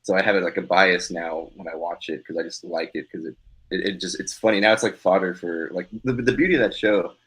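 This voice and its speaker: A man's voice: deep voice, steady tone, brisk, fairly bright tone, breathy edge, rough recording. A man co-hosting a podcast, chatting casually with frequent laughs, fillers and restarts. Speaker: podcast co-host. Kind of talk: casual chat.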